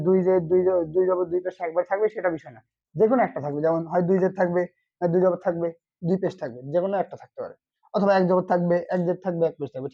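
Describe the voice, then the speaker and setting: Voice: mid-range voice, creaky, highs cut off. A Quran reading teacher giving an online lesson, asking short questions and answering them himself.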